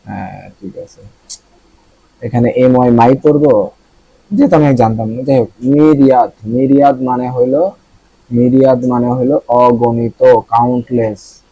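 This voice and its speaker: A man's voice: medium pitch, fairly even intonation, moderate pace, slightly rough, no room sound, highs cut off. A man from Bangladesh teaching vocabulary in a casual lesson, thinking aloud, checking pronunciations and joking with the viewers.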